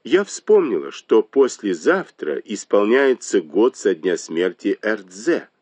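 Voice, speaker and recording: A shrewd noblewoman with a sharp, mocking tongue, as a male reader puts her on. The voice sits higher than his own and swings widely in pitch. The recording is close and dry, with no room sound. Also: very animated, takes it slowly, no room sound, exaggerated voice. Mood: earnest. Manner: mocking, reproachful.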